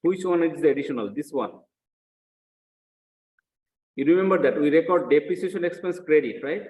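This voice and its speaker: Here an animated accounting lecturer with a fairly high, somewhat mellow voice talks at normal speed, guiding students through an example step by step. He repeats phrases and poses short questions to confirm they follow, and the echoey room leaves the sound dull and muffled.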